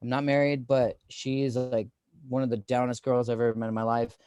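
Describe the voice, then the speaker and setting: A man's voice: mid-range voice, level tone, fairly quick, darkish tone, smooth, no room sound, clean studio sound. A man in his thirties doing a stand-up comedy set, rambling and self-deprecating with lots of fillers.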